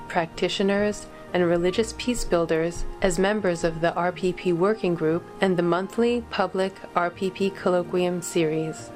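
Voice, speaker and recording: A woman's voice: mid-range voice, a little mellow. A woman giving a formal, scripted narration.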